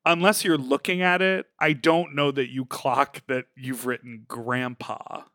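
A man's voice: mid-range voice, steady tone, unhurried, sharp tone, no room sound, clean studio sound. A man co-hosting a crude comedy podcast, playful and giggly while picking apart song lyrics over a video call. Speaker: podcast co-host. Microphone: video call mic.

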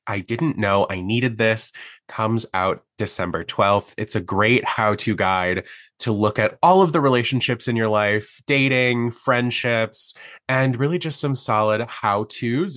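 A man's voice: fairly low pitch, a bit bright, no echo, studio quality. A man in his thirties co-hosting a podcast, chatting casually with an easygoing, joking manner. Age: 30s. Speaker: podcast co-host. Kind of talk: casual chat.

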